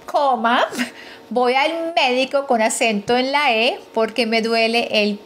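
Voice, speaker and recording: A woman's voice: a little high, a little slow, a bit bright. A woman hosting a live webinar on a video call, cheerful and laughing often as she reads out audience comments. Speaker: host.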